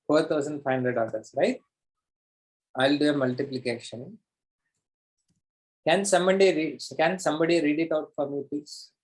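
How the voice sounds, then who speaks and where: A man's voice: fairly high pitch, moderate pace, pauses often, poor audio. A man with an Indian accent teaching a live online class as a coach, pushy and emphatic, repeating phrases for effect. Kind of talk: live interactive teaching, mixing English and Hindi.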